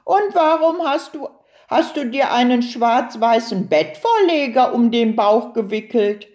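A woman voicing a small curious turtle in a children's storybook, asking eager, quick questions. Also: a little high, animated, darkish tone, pitched above the performer's own voice.

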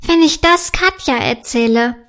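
Lady reading a storybook schoolgirl, slow murmury thinking-out-loud, highish voice. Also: animated, heavily acted. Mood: amazed. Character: young schoolgirl, doubtful and easily amazed.

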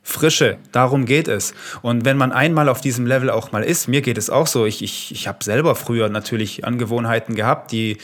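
A man talking as a health coach in a podcast conversation, energetic, with punchy short statements and rhetorical questions. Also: medium pitch, a little fast, few pauses. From Italy.

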